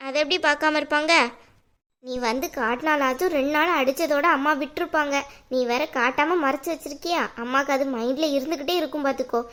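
A woman's voice: sits high, fast talker, a bit bright. A woman voicing a bossy, teasing older sister in a cartoon, with a Tamil accent. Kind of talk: cartoon voice acting.

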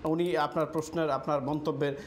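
A man's voice: fairly high pitch, little pitch movement, a little fast, a loud crowd. A man hosting a political call-in talk show, pressing his guest and mixing English phrases into his speech.

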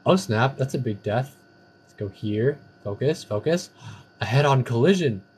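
A man's voice: medium pitch, expressive, unhurried, darkish tone, breathy edge. Playful man doing goofy game commentary. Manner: playful, sing-song chanting and goofy catchphrases. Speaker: gamer streamer. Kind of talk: casual gameplay commentary.

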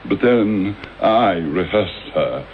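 A vengeful middle-aged English gentleman doctor in an old radio play. His lowish voice is sardonic and theatrical, savouring every grievance with articulate precision. The recording is dull, with some noise. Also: expressive, takes it slowly. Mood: smug, scornful. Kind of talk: 1980s British radio drama acting. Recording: dull, noisy old radio broadcast copy.

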